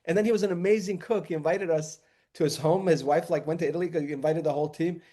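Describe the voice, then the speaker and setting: High-voiced man chatting and telling stories. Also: fairly even intonation, quick pace, warm tone. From New York. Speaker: podcast guest. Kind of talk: casual chat and anecdotes.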